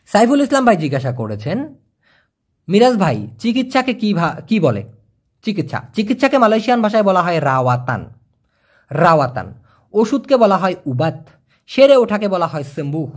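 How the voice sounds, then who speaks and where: A man teaching a casual video lesson, explaining slowly, repeating words and checking that viewers follow. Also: high voice. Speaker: language teacher.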